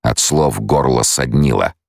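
A man narrating an audiobook in an extremely low, gravelly voice. He reads in an even, measured way, close to the mic. The recording is dry, without any room sound. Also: no echo.

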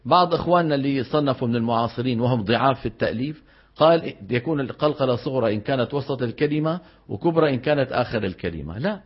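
A man's voice: medium pitch, lively intonation, slightly rough. Man teaching recitation, lo-fi. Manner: explains, quizzes students and drawls example words slowly. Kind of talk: classroom lesson on tajweed.

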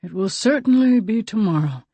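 A woman reading an audiobook, voicing a solemn, slow-speaking old man who serves as a guide. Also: medium pitch, animated, warm tone, breathy edge, no room sound, pitched above the performer's own voice. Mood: grave.

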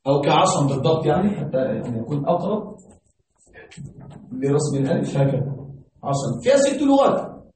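A man's voice: high voice, a little mellow. A man teaching an Arabic grammar class, quizzing and teasing his students as he explains. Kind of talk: classroom lesson with questions to students. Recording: echoey classroom, far from mic, faint noise.

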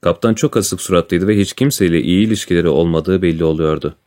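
Deep-voiced male storyteller. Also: fast talker, a little mellow. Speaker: audiobook narrator. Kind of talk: storybook narration with voiced dialogue.

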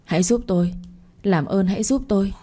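A woman's voice: mid-range voice, brisk, warm tone, natural voice. A woman voicing a grieving young woman who speaks earnestly and pleads.

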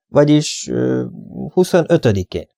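A man's voice: mid-range voice, big pitch swings, creaky, mellow, no echo, clean studio sound. A man reading an audiobook, playing a breezy, flippant young man with a light, offhand manner.

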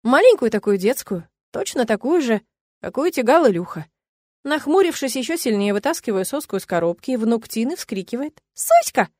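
A woman narrating a romance audiobook in the first person, in an even, measured storytelling manner. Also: on the high side, no room sound.

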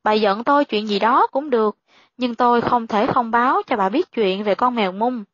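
A woman's voice: fairly high pitch, normal speed, dry recording, muffled recording, close to an everyday voice. Woman reading as a sly old male sorcerer. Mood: insistent.

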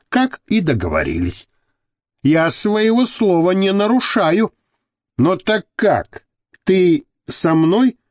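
A man reading an audiobook, voicing a calm, scheming male accomplice who speaks measured and persuasive. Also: sits high, no echo, studio quality, voice pushed up, heavily acted.

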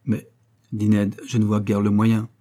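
A man reading the part of a calm, firm young engineer refusing his father in an audiobook. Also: lowish voice, unhurried. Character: young male engineer, calm, stubborn son.

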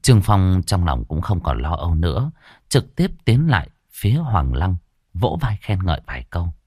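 A male audiobook narrator reads a fantasy tale in a low voice. His delivery is expressive, and his pitch rises and falls widely. The recording is dry and close. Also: moderate pace, husky, dry recording. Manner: expressive storytelling reading. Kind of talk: scripted narration of a fantasy story.

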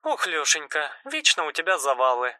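A man's voice: on the high side, big pitch swings, normal speed, no echo, clean studio sound, exaggerated voice. A man reading an audiobook, voicing a chatty, caring mother phoning her grown son. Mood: fond, fussing. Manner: soft, fussing and affectionate. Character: caring, chatty middle-aged mother on phone. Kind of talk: audiobook narration.

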